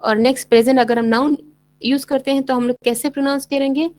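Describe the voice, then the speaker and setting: A woman with a Pakistani accent giving a bilingual English lecture, explaining in Urdu-Hindi and reading English lines slowly and deliberately. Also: high-pitched, fairly even intonation, darkish tone, no echo, low-quality recording. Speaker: English teacher.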